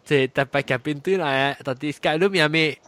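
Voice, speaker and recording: A man hosting a casual chat, telling a ghost story in an animated way, laughing often and mixing in English words. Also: on the high side, a little fast. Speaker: host.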